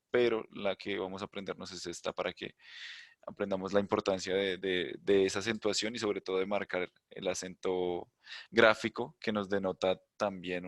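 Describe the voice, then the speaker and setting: A low-voiced man teaching an online class through a computer microphone. His voice sits in a dry, close sound. He explains step by step and keeps checking that his students follow him. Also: dry recording. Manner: explanatory, checks in with "¿listo?" and "¿vale?"; thinks aloud, hums while searching the screen. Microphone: computer mic on a video call.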